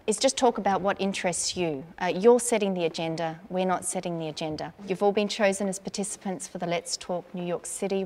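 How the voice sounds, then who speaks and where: A woman moderating a church youth focus group, asking calm, measured questions. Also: lowish voice. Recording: hall reverb.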